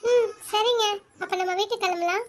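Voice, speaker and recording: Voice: very high-pitched, a little fast, slight background noise. A performer voicing a polite young wife in a cartoon, agreeing to the doctor's orders. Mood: obliging. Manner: polite, obliging. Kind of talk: cartoon voice acting.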